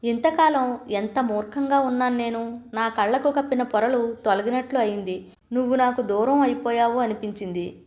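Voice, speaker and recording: A woman's voice: fairly high pitch, normal speed, darkish tone, close to an everyday voice. A woman voicing an older husband who pleads tearfully for his wife's forgiveness in an audio story. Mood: remorseful.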